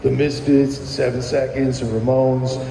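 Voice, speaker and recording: Speaking a little slowly in a level, mid-range voice with vocal fry and a dark tone, a middle-aged musician from New Jersey rambles through casual interview recollections, restarting often and using many fillers. There's slight background noise, and the echoey room gives a long reverb.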